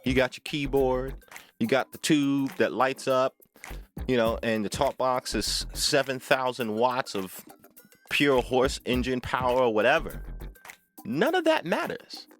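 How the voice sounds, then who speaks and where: With a medium-pitched, fairly bright voice and lively intonation, a man gives an informal, to-camera music tutorial, speaking a little slowly. The talkbox player stresses his points, says phrases more than once, and regularly asks "right?" to get agreement.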